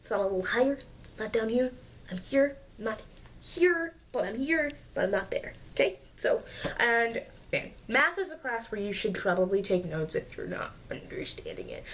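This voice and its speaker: Her voice fairly high and animated, this young vlogger tells a casual storytime at a moderate pace, venting about her classes. The rant drips with sarcasm and exasperation, and she imitates classmates with mocking put-on voices.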